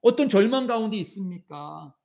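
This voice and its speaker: A middle-aged man preaches a Sunday sermon in a church sanctuary. His slightly high voice has a gravelly edge. He swings between quiet storytelling and loud, dramatic commands. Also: lively intonation, normal speed. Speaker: pastor.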